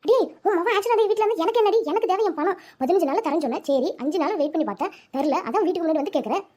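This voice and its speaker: Lady doing a shrill pushy moneylender auntie in a tamil cartoon, super high voice, rattles it off crazy fast. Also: expressive, dark tone. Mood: scolding. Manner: harsh scolding, shrill. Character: loud pushy female village moneylender.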